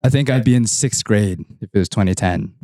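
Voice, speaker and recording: A man's voice: on the low side, a little fast, mellow. A man from Hawaii, a podcast guest, talking in a laid-back, nostalgic way. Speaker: guest, host's cousin. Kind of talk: casual podcast chat.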